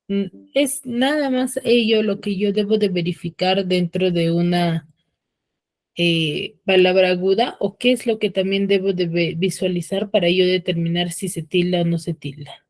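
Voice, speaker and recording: A woman's voice: on the low side, fairly even intonation, normal speed, a little mellow. Spanish-speaking woman teacher quizzing her class. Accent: Peruvian Spanish. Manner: questioning, checks understanding with frequent "¿ya?". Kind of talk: online class lesson.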